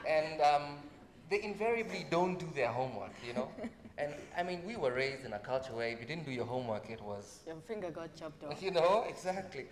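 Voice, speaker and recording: On a talk show, a Kenyan man who is a guest musician spins casual stories in a fairly high voice. Laughing and lively, he keeps restarting and repeating himself, while the spacious hall echoes at length with slight background noise.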